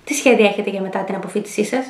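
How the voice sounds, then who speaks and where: A woman's voice: mid-range voice, close to an everyday voice. Woman voicing a cold rich young businessman, curt, clipped, echoey room.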